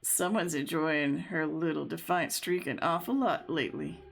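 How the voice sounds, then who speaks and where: A woman's voice: low voice, moderate pace, creaky. A woman reading aloud for a cruel female guard in a game, sneering and scornful.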